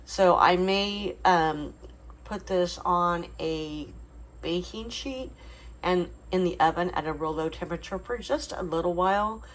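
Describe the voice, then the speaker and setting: Chatty woman vlogging in her kitchen. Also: fairly low pitch. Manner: chatty, relaxed, many fillers and little laughs. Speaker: cooking channel host. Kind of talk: casual kitchen vlog narration. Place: home kitchen.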